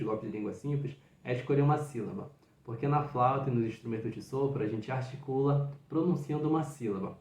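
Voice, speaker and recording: A man's voice: medium pitch, warm tone. A man, a flute teacher explaining technique in a patient, encouraging, step-by-step way. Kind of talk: instructional video. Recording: roomy echo.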